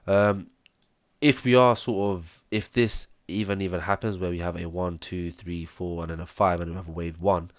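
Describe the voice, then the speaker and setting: Brief: hoarse, low-pitched man, chesty cough, monotone chart walkthrough full of ums, close dull lo-fi mic. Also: moderate pace, dry recording. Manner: talks step by step through wave counts, many ums. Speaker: trading analyst. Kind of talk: screen-share chart analysis. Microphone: close mic, audible breathing.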